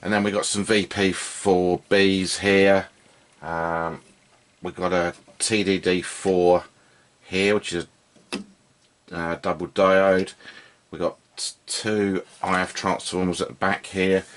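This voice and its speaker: A man hosting a hobby radio repair video gives a casual, unscripted hands-on demonstration indoors at a workbench, understated and hesitant as he thinks aloud. His voice is low-pitched and slow, with little pitch movement and a fairly bright tone.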